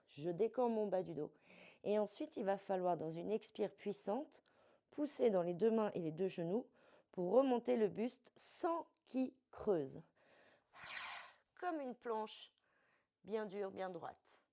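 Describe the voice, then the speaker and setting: Mellow-voiced woman coaching a workout. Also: medium pitch. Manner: calm step-by-step cueing with breath counts. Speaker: fitness coach. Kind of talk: guided workout instruction.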